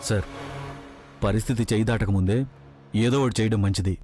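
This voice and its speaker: A man's voice: fairly low pitch, fairly even intonation, fairly quick, natural voice. A man playing an anxious, respectful police constable who pleads with his superior, in a TV serial with background music. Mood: pleading.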